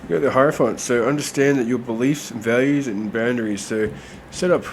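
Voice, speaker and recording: A man's voice: medium pitch, a little fast, slight background noise. A man giving a casual, chatty tarot reading, his voice nasal and congested from a cold. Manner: relaxed, chatty, many fillers. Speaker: tarot reader.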